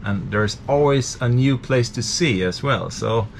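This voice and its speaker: A man in his thirties from Sweden, casually explaining boat work in a relaxed vlog, with frequent fillers, recorded by a camera close above him in a cramped boat compartment. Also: mid-range voice, measured pace, creaky, a little hiss or hum. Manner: relaxed, thinking aloud with many fillers. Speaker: sailing vlogger.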